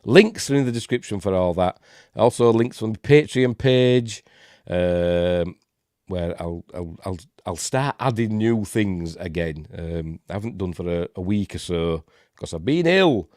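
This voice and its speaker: With a cold leaving him congested and snuffly, a Yorkshire host talks through a film review on a live stream, rambling, hesitant and heavy on fillers. His low, darkish voice has lively intonation and a measured pace, captured dry in studio quality.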